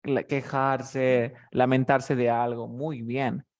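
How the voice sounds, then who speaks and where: A man's voice: mid-range voice, little pitch movement, slow, a little mellow. A man teaching English vocabulary in a tutoring session, explaining words patiently step by step.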